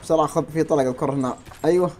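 A man commentating casually on his own gameplay, talking to viewers and yelling at enemies. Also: on the high side, rapid-fire, slight background noise. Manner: excitable, talks to himself and viewers, shouts at enemies. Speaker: gameplay streamer.

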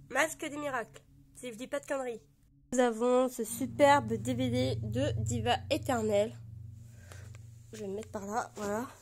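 A woman with a hoarse voice from a cold, gushing and rambling with many fillers as she shows off her collection in a casual vlog. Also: high voice. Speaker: vlogger showing her collection. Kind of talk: casual show-and-tell. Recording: noticeable background noise.

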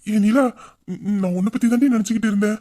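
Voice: mid-range voice, fairly even intonation, normal speed, a little mellow, natural voice. Someone voicing a tender, longing young husband. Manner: emotional, intimate, endearing. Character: young husband missing his wife, tender and brooding. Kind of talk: audio drama acting.

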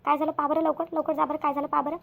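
A woman playing a fretful young wife, gravelly and high. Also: flat delivery, very fast. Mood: worried. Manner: fretful, urgent. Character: anxious young wife, fussy and urgent.

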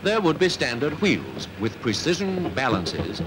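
A man, narrating a 1950s newsreel in a crisp, declamatory announcing manner. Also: mid-range voice, huge pitch swings, a little slow, background noise.

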